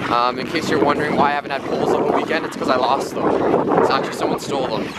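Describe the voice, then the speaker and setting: A young man chatting casually into a handheld camera outdoors in the snow, upbeat and excitable. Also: medium pitch, racing, heavy background noise. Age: young adult. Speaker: vlogger. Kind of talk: casual vlog chat. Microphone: handheld camera at arm's length.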